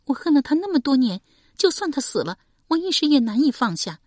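A woman's voice: high voice, very animated, fairly quick, darkish tone, dry recording, studio quality, pitched above the performer's own voice. A woman voicing a grieving, vengeful young noblewoman in an audiobook, tearful and anguished.

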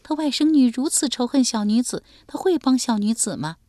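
A woman's voice: on the high side, lively intonation, normal speed, mellow, no echo, clean studio sound, pitched above the performer's own voice, natural voice. A woman voicing a humble young woman who speaks meekly and tearfully. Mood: tearful, pleading. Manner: meek, self-effacing, calls herself 小女子.

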